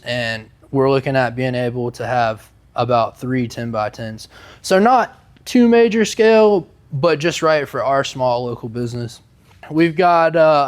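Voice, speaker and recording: Laid-back young man, slightly high voice. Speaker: small microgreen business owner giving a tour. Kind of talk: casual vlog walk-through. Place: inside a large warehouse building.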